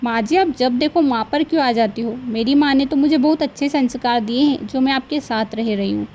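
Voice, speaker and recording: A woman's voice: sits high, a little fast, darkish tone, slight background noise. A woman doing a put-upon young bride. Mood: pleading. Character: young newlywed daughter-in-law, put-upon but polite.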